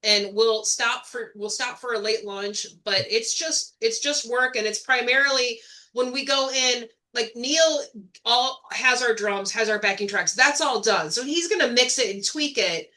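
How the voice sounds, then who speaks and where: A woman's voice: a little high, measured pace, bright, forceful tone. A woman musician in a casual podcast chat, talking bluntly and with animation about working in the studio. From Chicago area. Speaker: band member.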